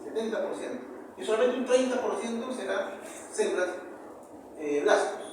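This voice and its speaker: Peruvian male professor, high-pitched, repeats terms and quizzes the class; distant, reverberant classroom audio. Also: lively intonation, moderate pace. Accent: Peruvian Spanish. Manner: repeats key terms, asks the class rhetorical questions. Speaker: histology professor. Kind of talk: university lecture. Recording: very echoey room, far from mic, noisy.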